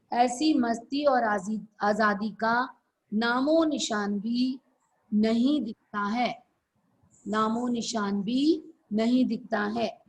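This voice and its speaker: A woman teacher dictating answers to her class over a video call. Her voice sits high and she speaks slowly, repeating each phrase so students can write it down. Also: rough recording. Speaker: school teacher.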